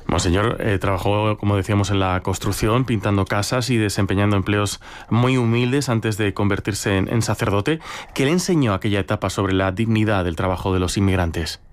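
A man co-hosting a radio news interview, presenting in a clear, scripted way. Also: fairly low pitch, brisk. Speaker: radio co-host.

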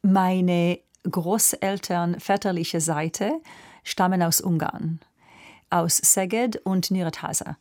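A woman from Israel, an opera singer answering interview questions in a thoughtful, unhurried way with slightly phrasing. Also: fairly low pitch, fairly even intonation, a little mellow.

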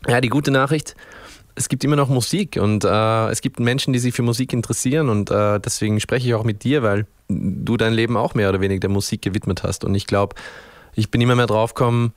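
Low-voiced Austrian man, thoughtful. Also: steady tone, fast, dry recording, studio quality. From Upper Austria. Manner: thoughtful, searching for words, many restarts. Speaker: band frontman, guest. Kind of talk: radio interview.

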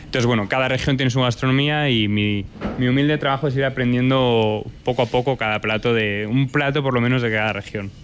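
Spanish chef talking in an interview. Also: male voice, mid-range voice, steady tone, fairly quick, slight background noise. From Spain. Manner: thoughtful, many fillers and restarts. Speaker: chef and restaurant owner. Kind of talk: relaxed interview answers.

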